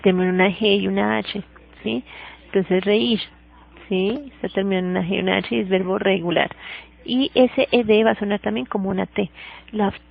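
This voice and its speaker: A woman with a Colombian accent gives a grammar lesson, going over each rule twice and checking in with her students after almost every step. Her voice carries a heavy gravelly fry. The sound is thin and tinny, like a phone line. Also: medium pitch, fairly even intonation, brisk. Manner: repeats each rule in two languages, checks with "¿ya?" and "¿sí?". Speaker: English teacher.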